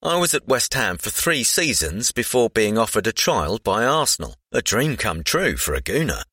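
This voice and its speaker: A man's voice: lowish voice, very animated, moderate pace, bright, forceful tone, breathy edge, no room sound, studio quality. A man reading a scripted profile aloud.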